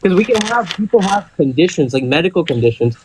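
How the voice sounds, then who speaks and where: A man's voice: on the high side, big pitch swings, fast talker, a little mellow, a little hiss or hum. A man arguing a point on a phone call, his voice muffled as if heard through a wall. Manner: argumentative, heavy use of "like". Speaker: caller in a debate. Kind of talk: casual argumentative debate. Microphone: phone moving around. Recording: muffled distant phone audio.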